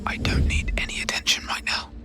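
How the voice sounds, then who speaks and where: A woman voicing a hushed, wary adventurer heroine. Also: a little fast, whispered, natural voice. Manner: terse, hushed remarks. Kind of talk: video game voice lines. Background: game music.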